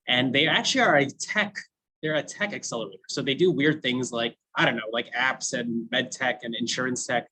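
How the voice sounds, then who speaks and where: An American food brand founder in his thirties tells his story to a class in a casual, chatty way, laughing often and leaning on fillers like "you know." His medium-pitched voice is a little fast with a sharp tone, and the audio is poor.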